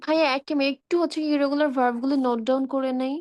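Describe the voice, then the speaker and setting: A woman's voice: high-pitched, steady tone, racing, a little mellow, a little hiss or hum. A woman, a student in a language class, asking questions and repeating words after the teacher.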